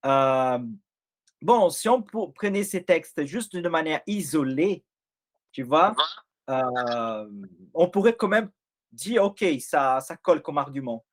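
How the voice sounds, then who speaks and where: A man's voice: a little high, lively intonation, slow. A man with a non-native accent leading an informal Bible study, explaining step by step and often checking that his listeners follow.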